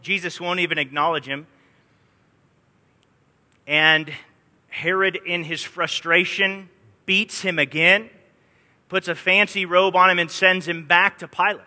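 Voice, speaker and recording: A man's voice: high voice, steady tone, measured pace, long pauses, sharp tone. A man teaching a Bible study in a casual storytelling way, acting out the quotes. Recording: long hall reverb.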